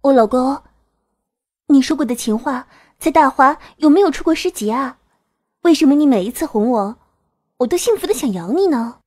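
A woman's voice: high-pitched, expressive, moderate pace, dark tone, no room sound, studio quality. A woman voicing a nineteen-year-old girl who dotes on her lover and teases him in a sweetly demanding way. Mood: teasing. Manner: teasing, clingy, sweetly demanding. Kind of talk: audio drama acting.

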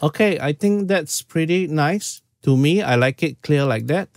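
A man in his fifties from Singapore talks through audio settings in an informal screen-share tutorial from a small room at home, often saying "okay." His slightly high voice is animated yet measured in pace. The audio is studio quality with no echo.

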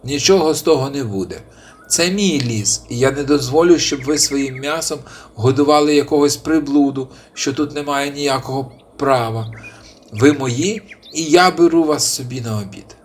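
An arrogant storybook bear lord, greedy and boastful, shouting orders as though he owns the whole forest, as a man puts him on. His voice is loud and domineering. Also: mid-range voice, moderate pace, natural voice.

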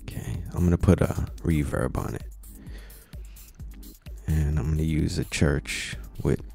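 A man casually explaining software steps one at a time in a screen-recorded tutorial, with lots of "you know"s. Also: rumbling low, steady tone, measured pace, creaky, faint music behind. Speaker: tutorial presenter.

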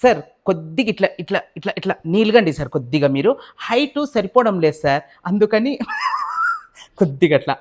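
A man's voice: high voice, expressive, fast talker, a little mellow. A young man in a comedy skit, fawning and teasingly polite as he directs a photo shoot. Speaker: comedy sketch actor playing a photographer.

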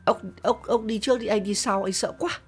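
A man's voice: high-pitched, steady tone, fairly quick, loud music behind the voice. A man hosting a game video, chatting casually and teasing jokingly as he plays. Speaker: gaming channel host.

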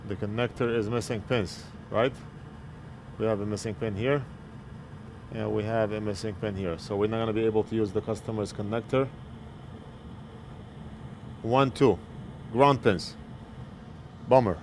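A repair technician in his forties describes each step of an electronics fix as he works at his indoor bench, talking plainly into a wired earpiece headset mic. His voice sits on the low side, steady and moderately paced, with frequent pauses. The background is noisy.

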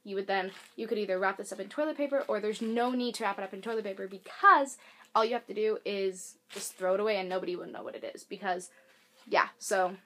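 A woman's voice: mid-range voice, fast, bright, forceful tone. A young woman vlogger at home giving a casual product demonstration, rambling with lots of fillers and self-corrections. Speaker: beauty and advice vlogger. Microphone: camera mic. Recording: faint hiss from air conditioner.

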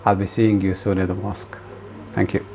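A man in his fifties who welcomes visiting groups, introducing himself in a calm, measured way from an office. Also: low voice. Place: indoor office.

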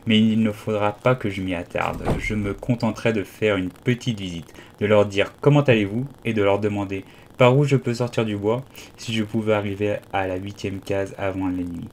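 A man's voice: fairly low pitch, steady tone, normal speed, a little hiss or hum, lightly acted. A man voicing a curious, earnest little girl in a storybook, thoughtful and wondering. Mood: musing.

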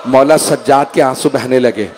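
A man's voice: medium pitch, moderate pace, noisy background. A man delivering a mournful sermon recitation, emotional and grieving, speaking directly to his listeners.

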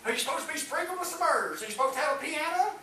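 Very high-pitched, animated and very fast, a middle-aged man's bright, forceful voice drives a fervent Pentecostal-style sermon, rising and falling as he calls for amens. He preaches to a small congregation in a church hall, recorded by a distant camera with no mic visible, echoey with faint hiss.

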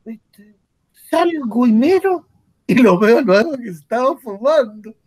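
A man's voice: very high voice, lively intonation, takes it slowly, no echo. An older man with an Argentine accent, a former chemistry professor telling a story in a casual chat, acting out the dialogue with laughter and swearing. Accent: Argentine Spanish.

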